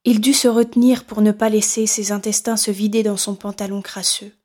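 A woman reading a horror novel aloud in steady, measured scripted narration. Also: mid-range voice. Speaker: audiobook narrator.

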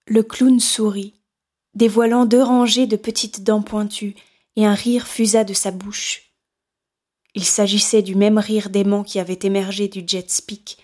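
A woman reading a horror novel aloud in steady, measured scripted narration. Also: medium pitch. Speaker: audiobook narrator.

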